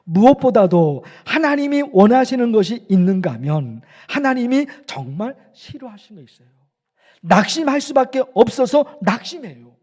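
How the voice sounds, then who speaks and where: A middle-aged male pastor preaching to his congregation, swinging between emphatic lines and hushed ones and repeating phrases for emphasis. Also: extremely high pitch, sing-song, moderate pace. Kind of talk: sermon. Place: church sanctuary.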